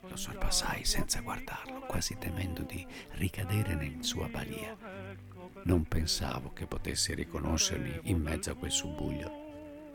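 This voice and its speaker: A man reading a literary memoir aloud as narrator, telling it in an expressive, wry way. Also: low-pitched, gravelly.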